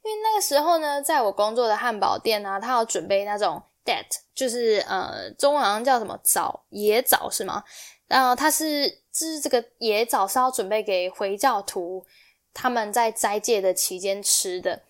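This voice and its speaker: A woman's voice: medium pitch, lively intonation, moderate pace. A young woman from Taiwan, hosting a podcast and telling a personal story in a casual way, acting out the quoted exchanges as she goes. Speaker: podcast host.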